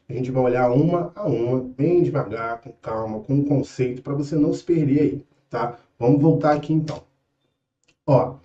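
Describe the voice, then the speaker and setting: A man's voice: medium pitch, mellow, echoey room, muffled recording. A young man with a Rio de Janeiro accent teaching an exam-prep lesson in a casual, patient way, often checking in with his students. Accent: Rio de Janeiro Brazilian Portuguese.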